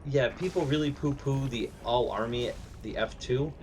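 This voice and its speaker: A man co-casting a live strategy game, excitable and jokey, talking in quick bursts. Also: mid-range voice, slight background noise. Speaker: esports co-caster.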